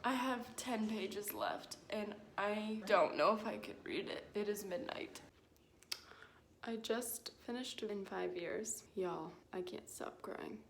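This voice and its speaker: A woman vlogger talks casually and informally to her viewers in a slow, gravelly, mid-range voice. She rambles confessionally and pokes fun at herself.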